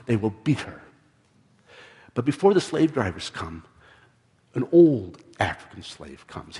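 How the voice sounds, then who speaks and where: A man's voice: medium pitch, a little mellow, big-room sound. A man preaching a sermon with impassioned, emphatic phrases, often repeating words. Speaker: pastor.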